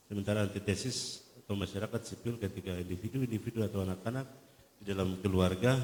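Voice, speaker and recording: A male pastor with a very low voice lays out his teaching in a measured, explanatory way, pausing on hesitant fillers. The church hall around him is roomy, with a long reverb trailing each phrase. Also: mellow.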